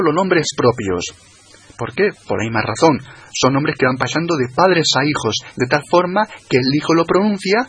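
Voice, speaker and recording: A man, a guest on a radio talk show, explaining slowly and carefully, repeating and spelling out words. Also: mid-range voice, a bit bright, slightly rough. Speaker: guest expert on religion.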